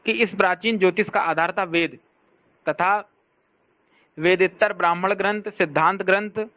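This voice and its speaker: A man's voice: high-pitched, steady tone, normal speed, pushed and bright, no room sound, highs cut off. A man teaching a lesson on Vedic sciences, reading from a text and explaining it, often asking and answering his own questions. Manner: speaks to someone scrolling a shared document. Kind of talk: explanatory classroom lecture.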